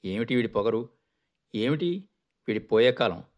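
A man's voice: mid-range voice, animated, normal speed, close to an everyday voice. Man voicing an irritable grumbling passenger. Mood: indignant. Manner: scornful, muttering complaints.

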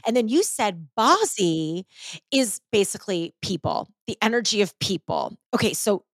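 A middle-aged woman hosting a podcast, chatting casually in a playful, animated way and swearing now and then. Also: medium pitch, normal speed, dry recording, studio quality. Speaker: podcast host. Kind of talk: casual interview chat.

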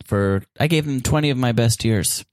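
A man's voice: medium pitch, normal speed, a little mellow, no room sound, studio quality, natural voice. A man playing a self-absorbed fired aquarium salesman, huffily rambling through his grievances in improvised comedy. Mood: aggrieved. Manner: huffy, rambling monologue.

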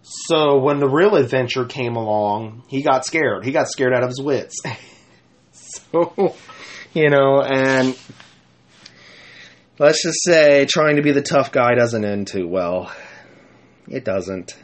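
A man's voice: medium pitch, slow, pauses often. A young man hosting his own podcast, rambling casually through an outro with frequent giggles and self-corrections into a home mic. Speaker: podcast host.

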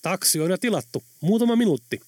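A man doing brisk, practical Veera. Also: high voice, expressive, a little mellow, no echo, studio quality, voice pushed up. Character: brisk young woman, tech-savvy and practical. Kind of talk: audiobook character voice.

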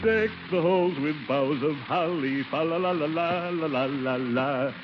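An actor playing the Great Gildersleeve, a jolly, pompous middle-aged American uncle in a 1950s radio sitcom, hearty and theatrical. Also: male voice, fairly high pitch, unhurried, music in the background, natural voice. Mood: merry. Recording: muffled old radio broadcast with hiss.

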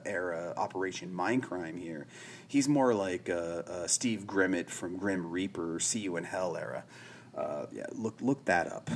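A man's voice: low voice, darkish tone, a little hiss or hum. A man hosting a podcast, rambling casually through a TV episode recap with lots of "you know" and "like". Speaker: podcast host.

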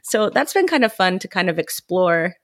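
A woman's voice: fairly low pitch, moderate pace, no room sound, clean studio sound. A woman co-hosting a podcast, chatting casually and animatedly about a TV episode. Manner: chatty, animated, quotes characters in voices. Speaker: podcast co-host. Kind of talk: casual chat.

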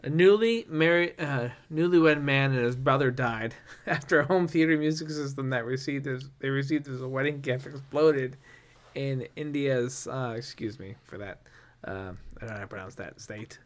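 A man co-hosting a casual podcast, rambling and animated, breaking into nervous laughs as he reads aloud. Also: medium pitch, normal speed. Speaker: podcast co-host.

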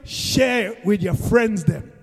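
High-pitched roadman-style man hosting a podcast. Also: slow pace, husky. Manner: emphatic, repetitive urging. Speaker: podcast host and DJ. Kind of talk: casual hyped music podcast banter. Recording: long hall-like echo, music behind. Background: reggae music.

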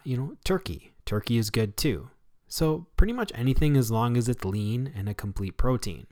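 A man's voice: medium pitch, a little mellow, no echo, clean studio sound. An American man hosting a scripted solo health talk show, with an emphatic, instructive delivery. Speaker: radio show host.

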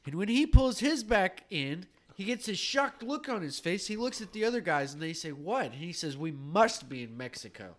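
Animated joke-telling male podcast host. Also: sits high, moderate pace, hardly any pauses. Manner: animated, laughs at own jokes. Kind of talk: casual chat, joke telling.

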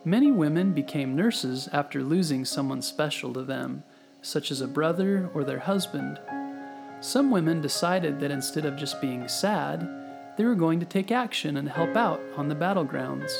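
Male storyteller, lightly raised pitch, gravelly fry, gentle explanatory delivery, scripted children's history narration, music underneath. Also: expressive, moderate pace. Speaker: host and narrator of a children's bedtime history show. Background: background music.

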